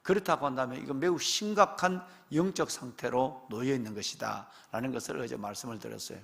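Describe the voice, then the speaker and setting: A man's voice: medium pitch, fairly quick, creaky, a bit bright, long reverb tail. A man pastor preaching a sermon, speaking emphatically with many rhetorical questions and turning often to the congregation. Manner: often addresses the congregation directly. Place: church sanctuary.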